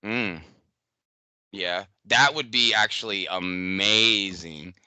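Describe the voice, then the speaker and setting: A man's voice: lowish voice, takes it slowly, pushed and bright, clear, resonant tone, dry recording. A man co-hosting a podcast, talking sports in a loose, profane way that trails off and restarts. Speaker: podcast co-host. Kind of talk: casual sports chat.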